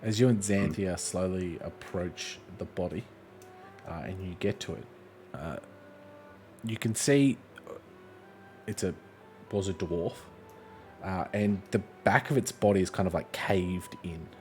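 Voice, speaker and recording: A man's voice: deep voice, a little slow, long pauses, a little mellow, faint music behind. A man narrating a tabletop game as game master, describing scenes with hesitant fillers.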